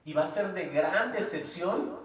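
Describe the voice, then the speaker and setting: A man's voice: high voice, lively intonation, unhurried, a bit bright. A man preaching a sermon in a church, emphatic and repetitive, often asking rhetorical questions. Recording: very echoey room, voice from far off.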